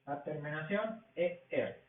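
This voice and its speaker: A man teaching a language class, explaining rules slowly and asking questions that he answers himself. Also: a little high, background noise. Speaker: English teacher. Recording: tinny, echoey, from far off the mic.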